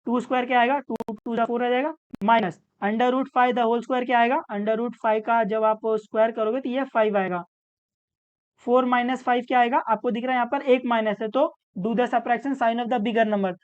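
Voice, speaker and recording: A woman tutor walks through a maths problem step by step, with terms. Her voice sits a little high, and she answers her own questions patiently. The recording sounds dull and lo-fi. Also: fairly even intonation, normal speed, clear, resonant tone.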